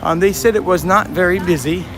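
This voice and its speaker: Hoarse and raspy after yelling at a concert, this male live stream host walks through a busy theme park chatting casually with viewers and passersby. His voice is high and fairly quick, and the recording is rough, with music, outdoor park sounds, and vehicles behind him.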